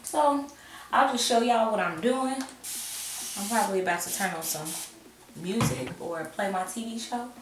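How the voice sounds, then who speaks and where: A woman's voice: mid-range voice, recorded from a distance, background noise. A pregnant woman chatting casually through a home hair tutorial, a little out of breath and poking fun at herself. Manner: chatty, self-mocking, drawn-out phrases. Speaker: hair vlogger. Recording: echoey room, voice off-mic, faint music.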